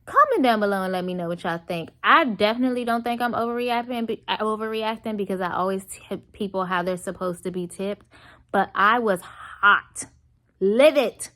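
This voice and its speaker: A woman's voice: medium pitch, fast, few pauses, sharp tone. An American woman telling a story as a casual, emphatic rant to her viewers, animatedly acting out dialogue as she goes. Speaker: vlogger addressing viewers.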